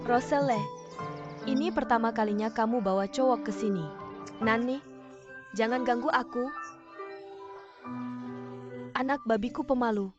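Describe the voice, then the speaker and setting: A woman's voice: a little high, measured pace, long pauses, close to an everyday voice. A woman dubbing a teasing, fond elderly orphanage nanny in a television drama, chatty in manner. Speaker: dubbing actress. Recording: dull sound, music behind.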